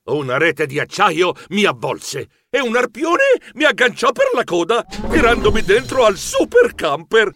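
A man narrating a children's story in a lively, exclamatory way. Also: high voice, measured pace, hardly any pauses, noisy background. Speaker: audiobook narrator.

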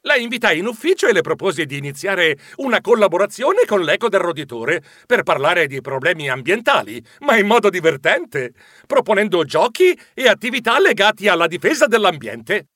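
A man narrating a storybook audiobook in an expressive way. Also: high voice, normal speed, no room sound, clean studio sound. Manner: expressive, flustered character voices.

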